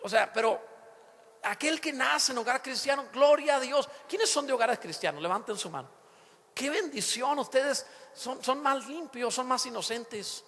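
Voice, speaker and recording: A man preaching a sermon to his congregation, lively and theatrical, acting out the voices he quotes and breaking into sudden shouts. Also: extremely high pitch, moderate pace. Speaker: pastor. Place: church sanctuary. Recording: long hall reverb in a church.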